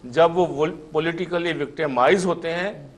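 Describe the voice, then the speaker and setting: A man from Pakistan, a politician guest in a heated television debate, insisting and repeating himself to hold the floor. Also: fairly high pitch.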